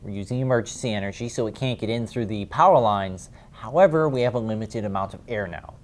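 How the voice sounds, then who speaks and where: A mysterious rich man, played by a game master, rattling off quick commands in a brisk, take-charge way. The voice sits only a little above the speaker's own. It is a tabletop game role. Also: lowish voice, lightly acted. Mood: urgent.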